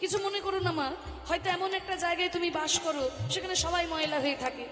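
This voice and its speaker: A woman giving a devotional kirtan sermon on a live stage, speaking quickly and pleadingly between sung verses. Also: very high voice, fairly bright tone. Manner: fast, pleading storytelling, sung lines. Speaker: kirtan singer and preacher. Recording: echoey hall with music. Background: accompanying music.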